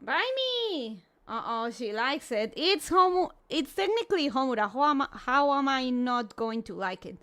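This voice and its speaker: High-pitched, cute anime-style woman streamer. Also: animated, normal speed, hardly any pauses, a bit bright, clear, resonant tone. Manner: sprinkles Japanese greetings into talk. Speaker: livestream host. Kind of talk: casual livestream chat, reacting to videos and greeting viewers.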